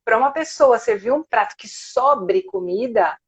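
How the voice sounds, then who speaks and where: A woman who teaches Spanish, talking in a live video chat and acting out quoted speech in an animated way. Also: fairly high pitch, measured pace. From Brazil.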